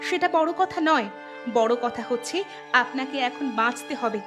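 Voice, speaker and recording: A woman's voice: on the high side, animated, moderate pace, music in the background, close to an everyday voice. A woman voicing an earnest, caring young village woman in a cartoon, with a respectful manner. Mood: indignant, resolute. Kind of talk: cartoon voice acting.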